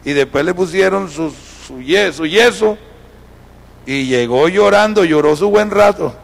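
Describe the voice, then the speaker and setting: A man's voice: high-pitched, lively intonation, a little slow, gravelly. A man preaching a sermon as pastor, telling a story and acting out the people in it. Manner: storytelling, acting out quoted voices. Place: church.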